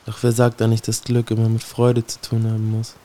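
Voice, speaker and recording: A man's voice: lowish voice, completely flat delivery, fairly quick, mellow. A man performing a spoken-word poem in a solemn, brooding way, speaking directly to someone he addresses. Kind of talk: spoken-word poetry recitation.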